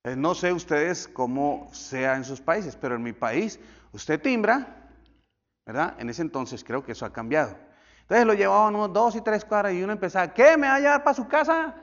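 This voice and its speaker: A male pastor telling stories in a sermon, swinging from loud, high bursts to hushed, near-whispered lines. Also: normal speed. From Colombia. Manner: animated storytelling with sudden drops to near whisper. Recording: dull echoey church hall.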